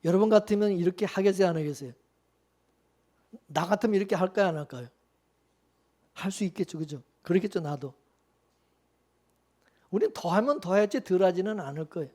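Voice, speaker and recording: A man's voice: high voice, brisk, long pauses, a little mellow. A man preaching a sermon as the pastor, in a loose conversational way, constantly throwing questions back at the congregation. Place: church.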